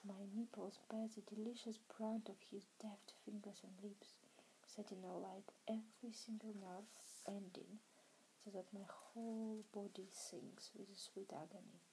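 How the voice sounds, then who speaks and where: A woman reading a romance novel aloud in a soft, unvoiced ASMR whisper. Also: medium pitch, level tone, measured pace, slight background noise, poor audio. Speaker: ASMR reader.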